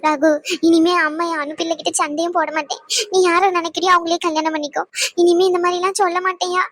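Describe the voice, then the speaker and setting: A woman's voice: very high-pitched, flat delivery, fast, fairly bright tone, dry recording. A woman voicing an emotional middle-aged mother in a cartoon who dotes on her son. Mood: tender. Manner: emotional, pleading then tender. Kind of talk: cartoon voice acting.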